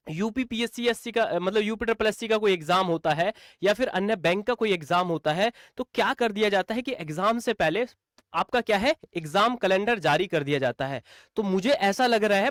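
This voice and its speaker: In a dry, clean studio recording, a man with a high voice teaches as an exam coach in an explainer video. He keeps repeating himself, asks and answers his own rhetorical questions, and speaks to viewers as friends and brother.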